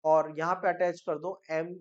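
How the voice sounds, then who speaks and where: An Indian woman with a lowish voice lectures on chemistry, going through each step and repeating the key points, often pausing to ask her students if they follow. The recording sounds dull and muffled. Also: little pitch movement, darkish tone. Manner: explains step by step, repeats key phrases, asks "okay?" and "clear?". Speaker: chemistry teacher. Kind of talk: classroom lecture mixing Hindi and English.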